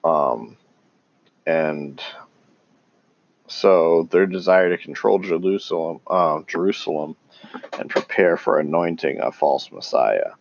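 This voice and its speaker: A man talking casually and haltingly about scripture, with many pauses and restarts. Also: extremely low pitch, gravelly, muffled recording, slight background noise. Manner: calls himself tongue-tied. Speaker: religious commentator. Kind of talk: casual unscripted talk on scripture.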